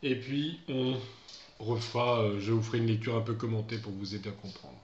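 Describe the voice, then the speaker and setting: A man teaching English to pupils in a recorded lesson. He reads English passages slowly and clearly, then explains them in relaxed French, speaking directly to his pupils and often trailing off softly. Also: fairly low pitch, reverberant, lo-fi sound, slight background noise. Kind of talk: recorded video lesson, commented reading.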